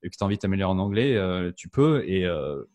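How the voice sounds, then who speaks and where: Guest in his thirties, fairly low voice, halting, filler-heavy conversational delivery. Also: lively intonation, dark tone. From France. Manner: hesitant, many fillers and restarts. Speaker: podcast guest, marketing strategist. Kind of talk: casual interview chat.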